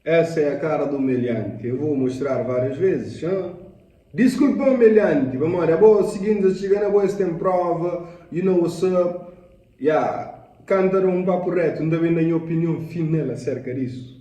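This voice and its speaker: A man's voice: a little high, moderate pace, dark tone, echoey room, far from the mic. A man giving casual, opinionated commentary on a video clip, talking loosely in slang and dropping in English phrases.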